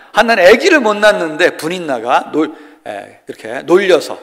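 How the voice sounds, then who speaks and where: An older man in his sixties preaches to his congregation with a lively, swooping delivery and a gravelly edge to his voice. He is a pastor from the Chungcheong region with a folksy, joking manner, and he keeps putting questions to his listeners. His voice rings out with the long reverb of a church hall. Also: fairly high pitch, moderate pace. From Korea, Chungcheong region. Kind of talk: sermon. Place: church sanctuary.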